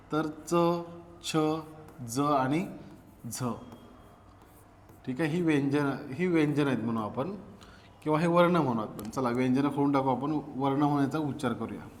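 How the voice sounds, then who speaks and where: Man teaching a grammar lecture, fairly high voice, asks questions and answers them himself, long reverb.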